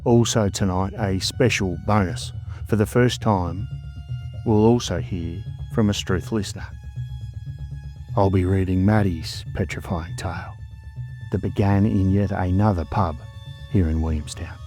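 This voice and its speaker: Male Australian narrator, deep register, scripted spooky storytelling with dramatic short phrasing, music underneath. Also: a little slow, darkish tone. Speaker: host and storyteller of a ghost story show.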